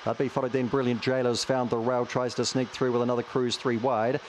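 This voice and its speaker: Male race caller, broad Kiwi accent, even narrow pitch, live track commentary, outdoor background noise. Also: brisk. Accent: broad New Zealand.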